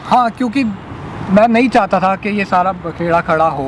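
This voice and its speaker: A man's voice: high-pitched, moderate pace, a little hiss or hum. A man in a staged street confrontation, talking curtly and dismissively. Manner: curt, dismissive, commanding. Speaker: actor in a staged street scene.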